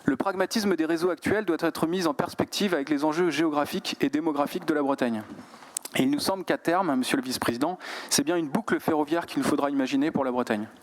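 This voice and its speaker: A Breton man from France, serving as a regional councillor, gives a formal political speech that is partly read. His delivery is measured and articulate, and his voice sits on the high side.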